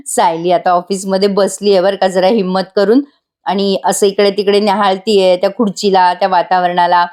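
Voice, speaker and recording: A woman's voice: mid-range voice, level tone, normal speed, a little mellow. A woman recapping a television serial episode in voice-over, chatting directly to her viewers.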